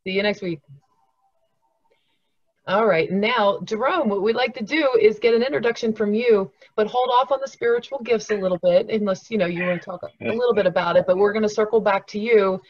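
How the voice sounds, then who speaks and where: A woman's voice: mid-range voice, fairly quick, no room sound, highs cut off. A woman hosting a group video call, upbeat and thankful toward guests. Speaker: host. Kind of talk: casual group chat hosting.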